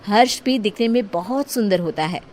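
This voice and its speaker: A woman's voice: medium pitch, animated, moderate pace, a little mellow, a little hiss or hum. A woman reading scripted story narration as the storyteller. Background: music.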